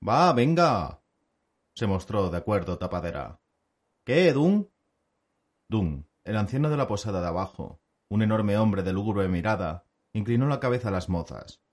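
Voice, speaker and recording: Deep voice guy narrating an audiobook, steady and even. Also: a little fast, few pauses.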